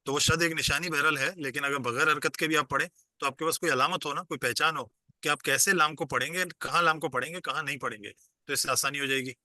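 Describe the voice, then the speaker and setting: A man's voice: on the high side, sharp tone, dry recording. A man teaching an online class, explaining patiently step by step and quizzing his students as he goes, heard over a video call.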